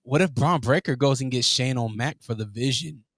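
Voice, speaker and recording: A man co-hosting a podcast in casual chat, animated and teasing, laughing often. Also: mid-range voice, moderate pace, dry recording, clean studio sound. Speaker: podcast co-host.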